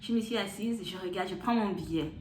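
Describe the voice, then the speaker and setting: A woman's voice: mid-range voice, a little fast. A young woman from Gabon, chatting casually as a vlogger and telling a story. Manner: chatty, repeats fillers like "donc, du coup" and "et tout". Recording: roomy sound with faint background noise.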